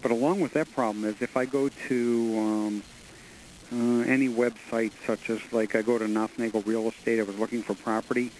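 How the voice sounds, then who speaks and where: A man's voice: medium pitch, steady tone, moderate pace, darkish tone, slight background noise, poor audio. A man from New York calling in to a radio show, hesitantly asking for computer help and unsure of the technical terms. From New York, USA. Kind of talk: call-in question to a tech help show.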